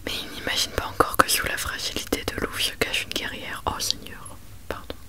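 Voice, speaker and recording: A woman presents books in a hushed ASMR library whisper, chatty and rambling with self-mocking asides. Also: brisk. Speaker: ASMR video creator.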